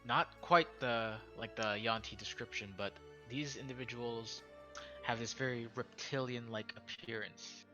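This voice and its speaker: A man's voice: mid-range voice, steady tone, a little slow, pushed and bright, lo-fi sound, soft background music. A man narrating a tabletop game as game master, describing scenes with frequent restarts and self-corrections.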